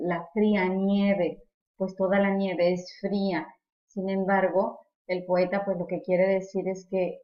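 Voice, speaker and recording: Woman teacher, explanatory lecture, repeats words as she goes, echoey room, slightly muffled sound. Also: fairly low pitch. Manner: explanatory, repeats words while searching for them. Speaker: literature teacher. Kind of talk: recorded lecture on poetry.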